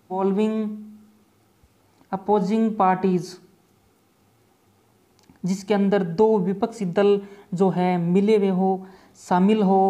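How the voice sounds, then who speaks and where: This exam vocabulary lesson comes from a man with a high voice and a dark tone. He explains word by word at a slow pace, restating points and mixing English terms into Hindi.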